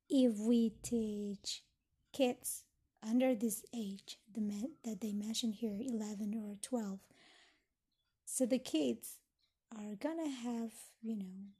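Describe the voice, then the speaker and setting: On an educational podcast, a young native Indonesian speaker reflects on learning English, explaining ideas and reading from a handout. She has a fairly high, dark voice with a breathy edge.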